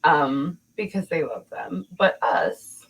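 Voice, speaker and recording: Sex: woman. Role: podcast host. Style: casual chat. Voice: low and husky. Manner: blunt, profane, quick to laugh. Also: lively intonation, lo-fi sound. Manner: blunt, swears freely, laughs often.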